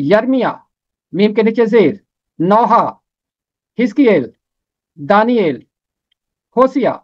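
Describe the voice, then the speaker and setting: A man teaching a pronunciation lesson, slowly spelling out vowel marks and repeating each name. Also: high voice. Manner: slow, careful spelling out of diacritics and repeated names. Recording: dull lo-fi recording.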